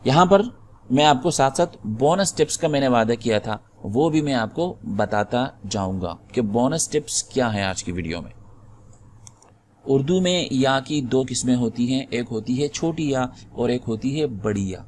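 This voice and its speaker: In a screen-recorded typing lesson, a man explains each step patiently and names the keys individually. His voice is medium in pitch and animated, with a little background noise.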